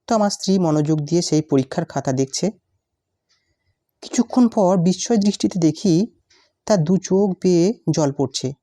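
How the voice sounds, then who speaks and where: A woman reciting a first-person story in a measured, expressive way. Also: on the low side, no echo.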